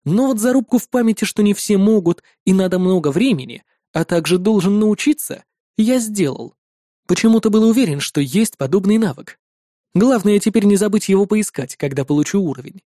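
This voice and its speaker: A man narrating a fantasy audiobook in the first person, lively and wry. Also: high-pitched, a little fast, no echo, clean studio sound.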